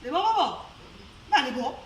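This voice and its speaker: Woman storyteller, Réunion accent, high voice, echoey room, distant mic. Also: very animated, a little fast. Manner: chatty, asides to the audience, laughs often. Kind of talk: live oral storytelling. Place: storytelling evening in a venue. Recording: roomy, distant live venue recording with faint noise.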